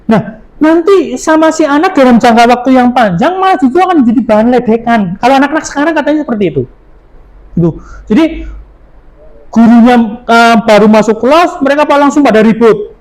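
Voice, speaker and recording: High-voiced man explaining to colleagues. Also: animated, brisk, low-quality recording. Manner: explanatory, with many fillers and acted asides. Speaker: teacher presenting to colleagues. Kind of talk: workshop presentation.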